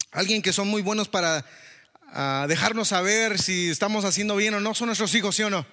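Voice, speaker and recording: A man preaching with a high, bright voice that carries in a long church reverb. He is animated and keeps asking the congregation questions. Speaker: pastor. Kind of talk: sermon.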